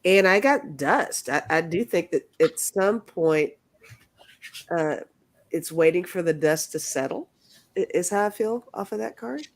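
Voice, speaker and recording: A woman talks casually through a card reading, stopping and restarting as she goes. Her voice sits a little low but moves around a lot in pitch. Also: animated. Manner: halting, restarts, laughs often. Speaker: card reader. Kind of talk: casual chat.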